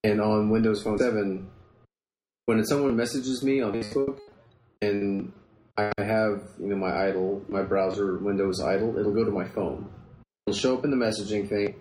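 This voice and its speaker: A young man with a low voice eagerly explains how his phone handles messages. He goes into detail and jumps in to make his point. His voice sounds roomy, with a faint hiss in the background. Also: a little mellow. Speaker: guest panelist. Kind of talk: casual tech podcast chat.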